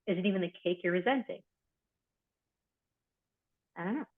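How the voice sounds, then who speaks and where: A woman hosting an online group, coaching members with animated, encouraging talk and reflective questions. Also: fairly low pitch, normal speed. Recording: tinny phone-like video call audio.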